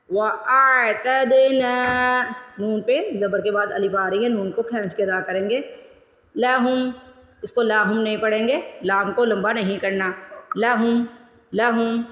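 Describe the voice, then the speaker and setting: A woman teaching Quran recitation, chanting words slowly and drawn out between quick explanations. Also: medium pitch, a bit bright. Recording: echoey room with long reverb.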